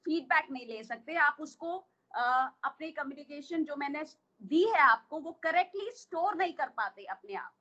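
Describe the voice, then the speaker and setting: A woman's voice: high voice, sharp tone, muffled recording. A woman coach with an Indian accent teaching an online workshop, explaining patiently and asking the listeners questions.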